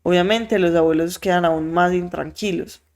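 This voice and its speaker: A podcast host, telling a story in an animated way, with many fillers and quoted voices acted out. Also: mid-range voice, moderate pace. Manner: frequent filler words.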